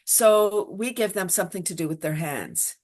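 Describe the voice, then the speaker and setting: A woman teaching laughter yoga in an interview, animated and quick to laugh, acting out little voices as she explains. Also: lowish voice. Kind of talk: enthusiastic interview talk.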